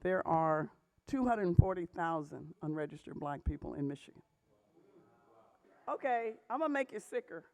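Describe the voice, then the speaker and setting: Speaking to a gathering of pastors, a woman gives an emphatic church talk, frequently checking in with "okay?" and posing rhetorical questions. Her voice sits on the low side and is expressive, moving at a normal speed in a dry recording.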